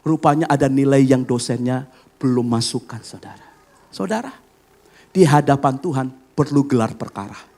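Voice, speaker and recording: A middle-aged man preaching a sermon as pastor, lively and acting out family conversations while addressing the congregation directly. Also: medium pitch, normal speed, creaky. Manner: animated preaching, acts out family dialogue, addresses congregation as "saudara".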